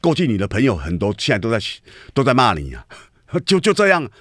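A man's voice: medium pitch, wildly swooping pitch, fairly quick, a bit bright, dry recording, clean studio sound. A man hosting a radio talk show, giving an emphatic political commentary monologue full of rhetorical questions to his listeners. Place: radio studio.

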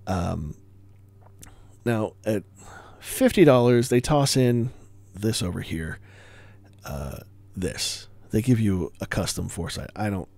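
A man's voice: low-pitched, gravelly, a little mellow. A man giving a casual board game review, rambling with wry asides and breaking off mid-thought.

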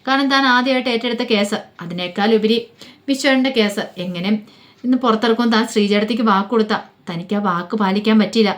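A woman retelling a serial episode as a casual, chatty spoken story. She talks fast and fills her pauses with small murmurs. Her voice sits at a medium pitch. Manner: chatty, with frequent fillers.

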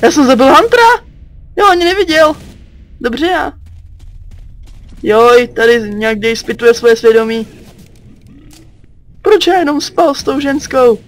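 Jumpy high-voiced Czech teen gamer. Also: male voice, animated, long pauses. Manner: jumpy, yelps and curses at enemies. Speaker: gaming channel host. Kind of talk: let's play commentary.

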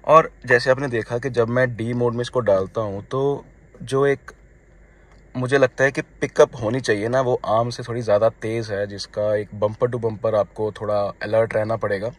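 A man in his thirties, his throat a little hoarse, talks through a casual review of his own car while sitting inside it. He chats with viewers as friends, at a middling pitch. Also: steady tone, normal speed. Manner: chatty, mixes English phrases into his talk, addresses viewers as friends.

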